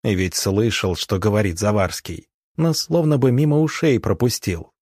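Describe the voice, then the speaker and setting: A man doing scripted audiobook narration in a steady, measured reading. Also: lowish voice, slightly rough, no room sound, studio quality.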